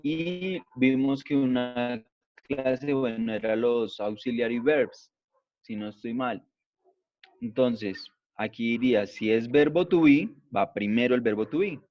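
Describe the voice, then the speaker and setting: A man's voice: mid-range voice, takes it slowly, no echo. A man teaching an English class, explaining step by step in a patient way and often checking that students follow. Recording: dull lo-fi recording.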